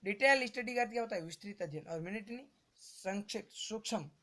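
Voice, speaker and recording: A man's voice: high-pitched, lively intonation, fast talker, bright, forceful tone. Man teaching, quizzing the class aloud. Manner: explains by repeating terms and asking rhetorical questions; addresses listeners as friends. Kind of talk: exam-prep lecture.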